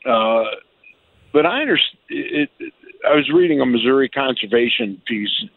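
Lively seventy-something man on the phone. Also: mid-range voice, creaky, no echo. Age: 70s. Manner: chatty, halting, warm-spirited. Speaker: caller. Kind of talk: call-in question on the radio. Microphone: telephone. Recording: tinny phone line.

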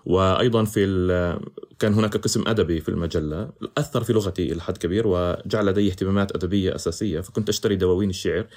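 A low-voiced man speaks very rapidly in a Palestinian Arabic accent from the villages around Jerusalem and Ramallah. He talks in a reflective interview style, blending village dialect with bookish formal phrasing. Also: a little mellow. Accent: Palestinian Arabic, rural Jerusalem and Ramallah area. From Palestine, villages near Jerusalem and Ramallah. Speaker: podcast guest.

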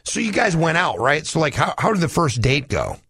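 A male radio co-host with a husky, slightly high voice. His pitch moves around freely as he asks casual questions on air. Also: very animated, fairly quick, a bit bright, no room sound, studio quality.

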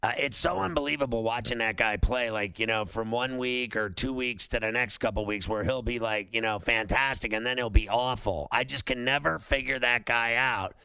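Male sports talk host: brash, teasing, bright forceful voice, crisp and clear. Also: medium pitch, moderate pace, hardly any pauses, dry recording. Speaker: sports radio call-in host. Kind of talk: casual fantasy football sports talk.

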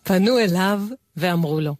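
A woman's voice: fairly low pitch, noisy background. Woman reading a children's story. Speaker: radio host. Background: music.

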